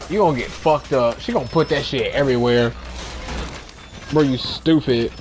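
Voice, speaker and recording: Young man, casual vlog chatter, swearing a lot, mid pitch, faint hiss behind. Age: young adult. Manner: rambling and profane, excitable. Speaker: YouTuber. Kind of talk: casual vlog and gameplay commentary.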